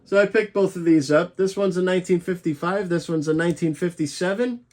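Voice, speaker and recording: Casual young man, high voice, enthusiastic collector chatting through his haul. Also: a little fast, a little mellow. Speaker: model train vlogger. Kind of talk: casual show-and-tell vlog.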